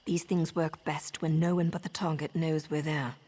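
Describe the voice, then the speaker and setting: An actress voices a poised professional assassin and mentor in a video game, delivering her lines in a wry, measured, self-assured way. Her voice sits low with a dark tone, and her flat delivery has a businesslike mood.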